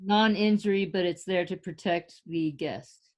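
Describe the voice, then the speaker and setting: A woman's voice: fairly low pitch, a little slow, darkish tone. A woman in a ski patrol class patiently explaining a term to a classmate in a casual way.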